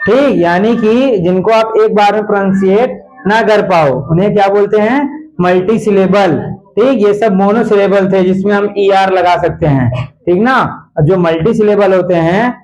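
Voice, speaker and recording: A man's voice: sits high, moderate pace, darkish tone. A male teacher giving a classroom grammar lesson, quizzing his students with repeated questions. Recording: dull lo-fi classroom recording.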